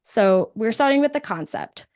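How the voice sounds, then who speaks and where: A woman presenting a live webinar on podcasting, speaking in a conversational, energetic way with frequent fillers. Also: fairly high pitch, normal speed, smooth, dry recording, studio quality.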